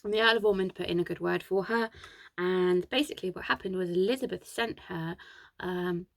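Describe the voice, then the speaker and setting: Casual woman host with a sore throat, reading history from notes with chatty asides, a fairly low voice. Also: brisk, vocal fry, no echo.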